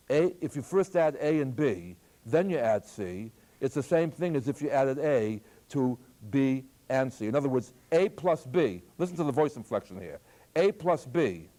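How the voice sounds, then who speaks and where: An older man, a math professor, giving a lively, joking classroom lecture on algebra. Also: mid-range voice. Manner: lively, jokey, plays with voice inflection. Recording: archival taped lecture.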